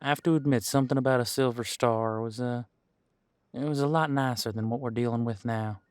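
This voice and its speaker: A man voices a long-serving, friendly cop on a supernatural squad, chatting folksily and a bit hesitantly as he reminisces to an unseen roleplay partner. The delivery is brisk and lightly acted, with a clear, resonant, darkish medium-pitched voice, fairly even intonation, and no room sound.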